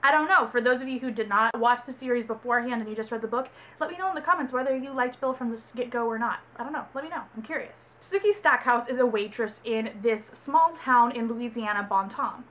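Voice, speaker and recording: A woman's voice: a little high, fast, few pauses, a bit bright. A young woman from Texas chatting casually about a book she read, rambling and correcting herself as she goes. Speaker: book reviewer. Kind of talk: casual book review vlog.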